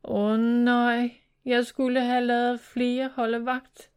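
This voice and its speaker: A woman's voice: mid-range voice, a little mellow, natural voice. A woman reading the part of a worried, frustrated male dragon-monster leader in a storybook tale. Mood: despairing. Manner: anxious, frustrated.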